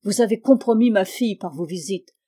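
A woman's voice: medium pitch, fairly quick, slightly rough, natural voice. A woman reading an audiobook, voicing a proud middle-aged mother who bursts into indignant fury at her daughter's suitor. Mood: furious. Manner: outbursts of indignant shouting.

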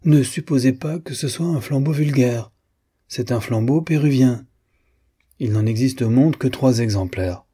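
A man voicing a vain, fussy wealthy gentleman who talks in a pompous, condescending way. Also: mid-range voice, unhurried, slightly rough, voice pushed up.

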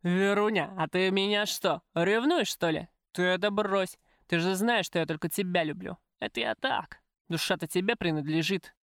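A woman's voice: fairly low pitch, normal speed, hardly any pauses, no echo, studio quality, lightly acted. A woman voicing a coarse, possessive middle-aged male crime boss in an audiobook, crude and wheedling, then threatening. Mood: boastful. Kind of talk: audiobook character voice.

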